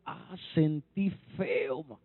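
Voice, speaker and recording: A man with a Mexican accent preaches a sermon, emphatic and often checking in with the congregation. His voice sits a little high and swings between forceful lines and soft, dropped phrases. The recording is dry and thin, with a narrow phone-like sound. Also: lively intonation, very slow, no room sound. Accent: Mexican Spanish. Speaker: pastor.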